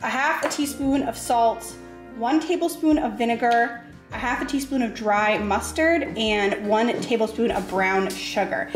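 A woman's voice: on the high side, unhurried. A woman in her thirties from New Hampshire, chatting casually to viewers as she cooks at home. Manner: chatty, upbeat, talks to viewers while cooking. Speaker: cooking channel host. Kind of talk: casual cooking vlog narration. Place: home kitchen. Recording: roomy kitchen with background music.

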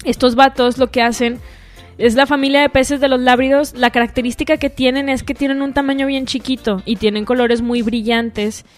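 A woman's voice: high voice, steady tone, normal speed. A young woman with a Mexican accent hosting a casual solo radio show, chatty and full of slang and swearing. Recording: music playing faintly behind.

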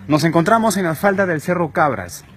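A man reporting live in the field, his voice a little high, with a formal, steady delivery. He speaks into a handheld mic outdoors on a dusty hillside, and clear wind and street noise sit under his voice. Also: brisk. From Peru.

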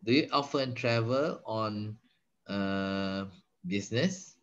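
Over slightly dull video call audio, the same Malaysian man in his 50s, a patient English teacher, helps a student practice conversation while switching between Malay and English. This time his voice is on the low side and slow.

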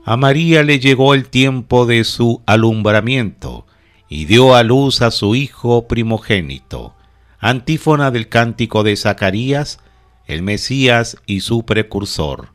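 Slow, solemn man leading prayer. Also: mid-range voice, lively intonation, faint music behind. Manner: measured, solemn reading in short phrases. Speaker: prayer leader. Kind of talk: slow liturgical prayer recitation.

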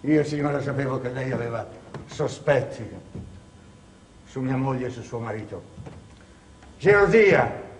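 An actor playing a proud, cunning, wronged middle-aged male clerk in a theatrical stage performance, swinging from hushed bitterness to shouting. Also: mid-range voice, steady tone, normal speed, long pauses, slight background noise, close to an everyday voice. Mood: bitter. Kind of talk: stage acting. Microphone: distant room mic. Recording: distant echoey stage recording.

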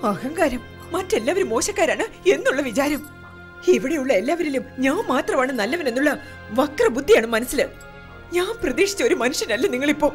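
A cutting middle-aged wife, very high and lively, film drama. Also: female voice, fairly quick, faint music behind. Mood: scolding. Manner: reproachful, cutting. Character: defiant middle-aged wife standing up to husband. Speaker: wife and mother.

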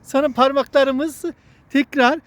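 A woman with a high-sitting voice and flat, slightly slow delivery hosts an informal outdoor vlog in a wooded spot. She guides children through nature in a teaching manner, frequently saying things more than once.

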